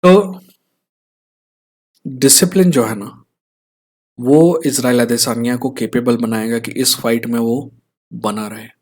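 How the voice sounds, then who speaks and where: A man's voice: mid-range voice, takes it slowly, long pauses, darkish tone. A young Indian man giving a casual fight breakdown, checking in with viewers through frequent tag questions as he talks. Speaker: fight analyst host. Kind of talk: casual explainer talk.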